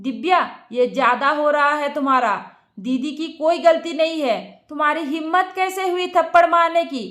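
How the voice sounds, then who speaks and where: A woman's voice: high voice, normal speed, fairly bright tone, reverberant. A woman voicing a young husband who firmly scolds his wife. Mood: stern. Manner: scolding, firm.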